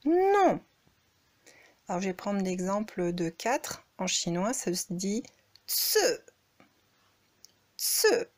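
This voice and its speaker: A woman gives a slow, explanatory lesson, calling out example syllables. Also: on the low side, fairly even intonation, no echo. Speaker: Chinese language teacher. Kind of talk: spoken lesson demonstrating tones.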